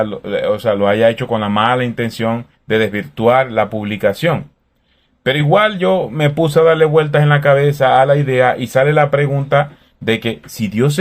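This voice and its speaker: Man, calm, thoughtful, conversational faith talk, mid pitch. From Venezuela.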